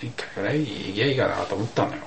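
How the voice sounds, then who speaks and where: A man's voice: fairly low pitch, rapid-fire, gravelly, slight background noise, rough recording. A man telling a rambling anecdote in casual chat, full of asides and comic emphasis. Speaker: storyteller.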